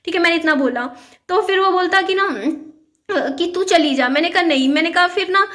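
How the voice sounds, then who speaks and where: A woman's voice: extremely high pitch, fairly quick, sharp tone. A young woman vlogger earnestly recounting personal events to her viewers, with many fillers and repeated phrases. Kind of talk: personal storytelling to camera.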